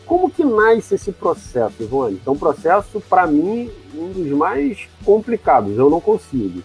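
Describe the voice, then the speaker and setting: A man's voice: high-pitched, huge pitch swings, moderate pace, darkish tone, husky, faint music behind, poor audio. A man hosting an interview, talking hesitantly and often adding tag questions. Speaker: interview host. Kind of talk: casual interview.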